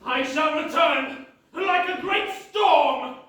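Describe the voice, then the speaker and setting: A man's voice: very high-pitched, takes it slowly, bright, forceful tone, heavily acted. A man playing a pompous, lovestruck young would-be actor in a stage comedy, declaiming like a hammy stage actor. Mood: grandiose, defiant. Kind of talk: theatrical stage comedy acting. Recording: echoey theatre, distant microphone.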